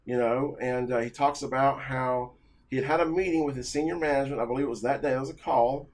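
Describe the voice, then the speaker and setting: Agitated man telling a work story. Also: medium pitch. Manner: agitated, halting, many restarts. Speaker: office analyst. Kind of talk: casual personal story.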